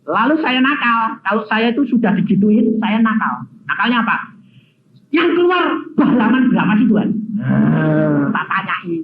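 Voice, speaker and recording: An older male evangelist, preaching a testimony sermon that swings from shouted lines to hushed ones. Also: high-pitched, big pitch swings, moderate pace. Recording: dull lo-fi sermon recording with faint hiss.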